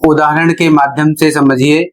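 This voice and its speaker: A man teaching English pronunciation in a slow, explanatory lesson, spelling words out letter by letter. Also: a little high, level tone, slight background noise, low-quality recording.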